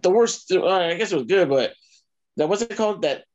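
A man's voice: high-pitched, lively intonation, darkish tone, highs cut off. A man telling funny road stories in casual chat, laughing and swearing. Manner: laughing, profane, quick storyteller. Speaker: guest, former wrestler. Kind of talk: casual storytelling.

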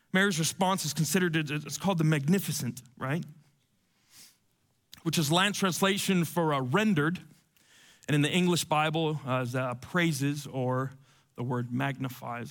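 A male preacher with a high voice delivers a conversational sermon. He is emphatic and repeats key phrases for effect. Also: a little slow, pauses often, a bit bright.

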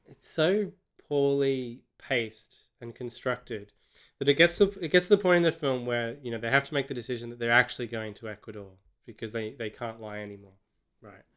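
An Australian man reviewing a film in casual chat, his voice smooth and resonant. He talks sardonically and rambles, often restarting his sentences. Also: medium pitch, moderate pace, fairly bright tone. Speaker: podcast co-host.

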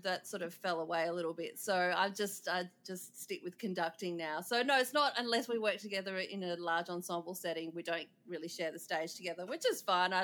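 A middle-aged Australian woman who composes and conducts speaks casually as an interview guest, filling her talk with ums and frequent laughter. Her voice is on the low side and a bit bright.

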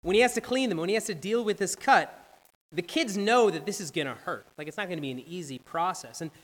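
A man preaching a sermon as pastor, earnest and rising to slow, emphatic declarations. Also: sits high, lively intonation, long reverb tail, poor audio.

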